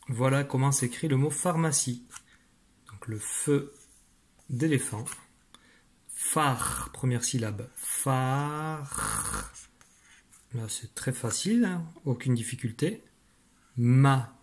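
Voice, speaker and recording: A primary school teacher, a man with a medium-pitched, somewhat dark voice, leads a children's dictation lesson. He patiently spells out words syllable by syllable.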